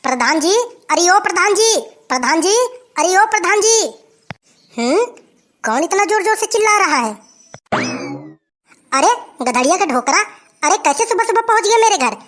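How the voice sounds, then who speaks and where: A performer voicing an angry old farmer in a who shouts complaints and threats. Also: very high voice, animated, normal speed, pauses often, heavily acted. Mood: angry complaining. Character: grumpy old village man, angry farmer.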